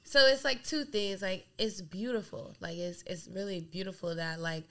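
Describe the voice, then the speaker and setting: With a mid-range voice at normal speed, a young Delaware woman who DJs rambles through a casual interview as a guest. She's animated and says "like" constantly.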